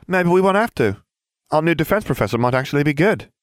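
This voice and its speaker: A man's voice: fairly high pitch, expressive, fast, no echo, clean studio sound, voice pushed up, close to an everyday voice. A man voicing a wistful teenage girl in a storybook reading, in a light, raised voice.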